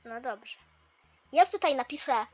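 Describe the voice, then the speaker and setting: A patient male math teacher walks his class through compass drawings step by step, teasing gently now and then, as a woman voices him. The voice sits high. The recording is dull and lo-fi. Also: animated, normal speed. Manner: explains step by step, mildly teasing. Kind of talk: toy role-play lesson.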